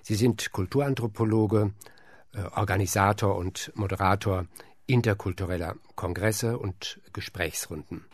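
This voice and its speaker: A man's voice: on the low side, moderate pace, no echo. A man hosting an interview who asks long, formal, elaborately phrased questions. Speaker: interviewer, host.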